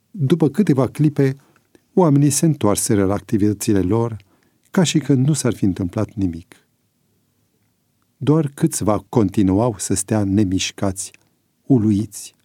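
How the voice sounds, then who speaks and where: A man narrating a prison story as an audiobook in a measured, dramatic manner. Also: fairly low pitch, warm tone, no echo, clean studio sound.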